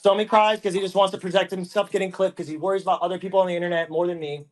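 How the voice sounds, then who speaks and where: A man's voice: high-pitched, little pitch movement, racing, faint music behind. A man on a livestream selling cards, ranting aggressively and swearing at viewers. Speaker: live-stream card seller. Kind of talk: angry livestream rant.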